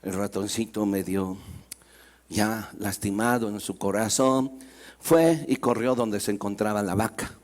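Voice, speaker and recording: A male pastor telling a fable in a sermon with animated storytelling. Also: lowish voice, measured pace.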